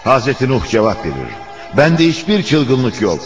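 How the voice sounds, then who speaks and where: This scripted religious cartoon narration comes from a man whose mid-range voice swings widely in pitch at a moderate pace. He tells the story solemnly and declaims it, voicing the quoted lines too. Faint music plays behind the dull, lo-fi recording.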